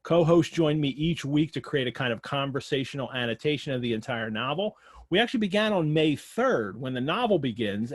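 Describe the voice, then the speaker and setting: This American host of an online literary show speaks in a fairly high-pitched voice with no echo. Over a remote video call, he runs his live show in a chatty way, moving through announcements and questions.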